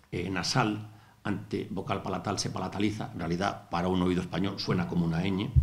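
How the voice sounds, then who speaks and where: Middle-aged guy lecturing, goes word by word, kinda low voice. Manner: explains word by word, methodical, with asides. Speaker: university lecturer. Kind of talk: academic lecture. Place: lecture hall.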